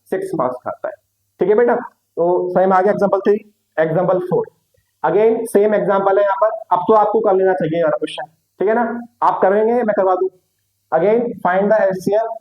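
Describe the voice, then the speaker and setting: Man, maths teacher, high-pitched, repetitive quizzing style, online lecture. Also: highs cut off. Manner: repetitive question-and-answer, calls students beta.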